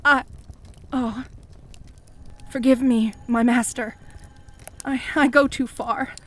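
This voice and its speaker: A woman playing a fanatical, jealous cult high priestess in an audio role-play, fawning and pleading with stammering devotion. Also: fairly even intonation, slow pace. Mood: fawning, apologetic. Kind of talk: scripted audio role-play addressed to the listener.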